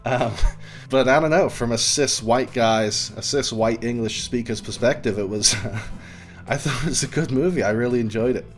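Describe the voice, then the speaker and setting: A man's voice: mid-range voice, normal speed, faint music behind. A young man chatting casually through film reviews, rambling with fillers and little laughs.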